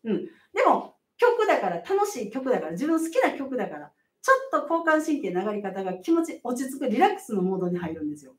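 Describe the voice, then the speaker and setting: Lively middle-aged Kansai midwife. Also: female voice, fairly high pitch, quick pace, reverberant, far from the mic. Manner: animated, laughing, emphatic storytelling. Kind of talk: casual live-stream advice talk.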